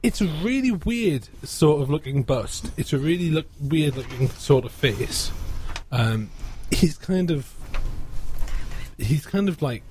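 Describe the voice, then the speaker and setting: A man's voice: mid-range voice, slow, darkish tone, a little hiss or hum. Chatty, self-deprecating man hosting radio. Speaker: radio show host. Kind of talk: casual radio book talk. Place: radio studio.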